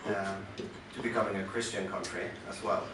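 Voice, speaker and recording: Here a western Norwegian musician with a Norwegian accent talks between songs at a concert club, his deep, steady voice full of pauses and restarts as he introduces his work. The sound comes from his stage mic through the house system, recorded far back in the roomy venue amid noisy background.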